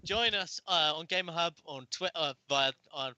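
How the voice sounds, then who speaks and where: A man's voice: on the high side, moderate pace, bright, forceful tone. A man hosting a casual gaming podcast, rambling and laughing often as he chats. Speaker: podcast host. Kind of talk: casual chat.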